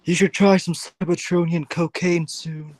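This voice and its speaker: A man's voice: on the high side, level tone, measured pace, a little mellow. A man from the Philippines chatting casually and teasing on a livestream. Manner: playful, teasing. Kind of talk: casual group chat.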